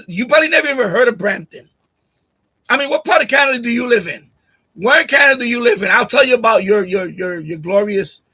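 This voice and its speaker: Streaming casually from home through a USB condenser mic on a boom arm, a Puerto Rican man argues bluntly with his commenters, repeats himself and laughs often. His voice is high, pushed, bright and slightly rough, and the audio quality is poor.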